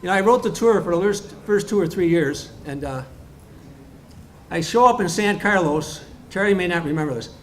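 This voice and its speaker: A man with a fairly high voice tells jokes at a tribute roast, firing off stories one after another. He breaks in with quick asides to the crowd. Faint room chatter hums behind him. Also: animated, a little hiss or hum. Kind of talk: stand-up style joke telling at a tribute. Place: bar event room.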